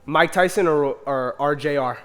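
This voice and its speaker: A man's voice: fairly high pitch, normal speed, a crowd in the background. Young man, emphatic, argumentative, repeats for effect, sports chat, long reverb tail. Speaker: podcast co-host.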